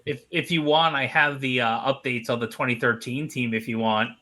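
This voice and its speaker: A man's voice: medium pitch, steady tone, normal speed, sharp tone. A man co-hosting a casual sports podcast, hesitant and full of fillers. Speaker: podcast co-host.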